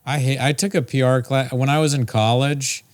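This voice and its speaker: A man's voice: medium pitch, steady tone, moderate pace. A young man hosting a casual podcast, talking in a rambling, jokey way. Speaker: podcast host.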